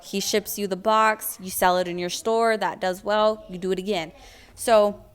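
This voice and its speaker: Candid, chatty young woman with a smooth voice. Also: mid-range voice, a bit bright. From California. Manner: candid, chatty, swears casually. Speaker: vlogger. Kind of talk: casual storytelling vlog.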